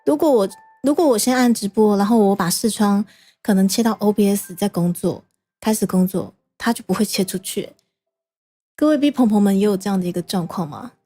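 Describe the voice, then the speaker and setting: A woman's voice: medium pitch, fairly quick, warm tone, faint music behind. A woman from Taiwan streaming as a VTuber, chatting casually, tired and exasperated, with self-mocking complaints and frequent exclamations. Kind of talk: casual livestream chat.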